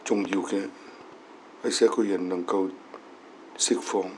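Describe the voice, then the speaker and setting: Slow, solemn priest reading scripture. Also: male voice, low voice, steady tone, a little mellow, a little hiss or hum, rough recording. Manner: measured, solemn reading pace. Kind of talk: liturgical gospel reading and short homily.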